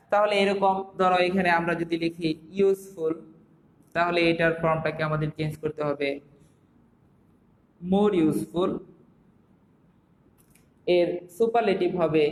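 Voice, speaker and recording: A man's voice: sits high, echoey room, long reverb tail, low-quality recording. A young Bangladeshi man teaching an English grammar class online, explaining step by step and asking the students rhetorical questions.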